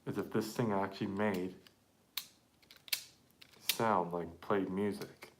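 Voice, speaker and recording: Low-voiced man chatting while repairing. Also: fairly even intonation, background noise. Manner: chatty, halting, talks to viewers while working. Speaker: live-streaming accordion repairer. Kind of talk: casual live-stream repair commentary.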